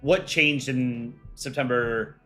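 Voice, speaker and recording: Soft background music plays as a man running a livestream art contest reads messages from chat and tosses out casual replies. He speaks slowly, with a medium pitch and a slightly bright tone.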